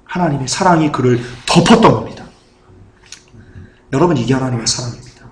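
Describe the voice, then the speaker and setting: A man's voice: medium pitch, fairly quick. A man preaching a fervent sermon as pastor. He keeps asking the congregation questions. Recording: echoey hall.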